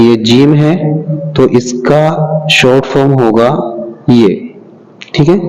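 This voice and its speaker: A man's voice: mid-range voice, warm tone, poor audio. A man teaching an alphabet lesson step by step, patiently repeating each sound and checking that the learner follows.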